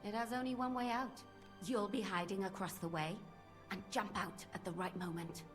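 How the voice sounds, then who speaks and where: A woman's voice: medium pitch, steady tone, normal speed, faint music behind, lightly acted. An actress playing a bold, decisive woman conspirator in conversational video game dialogue. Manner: decisive, eager. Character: bold, eager female conspirator volunteering as bait.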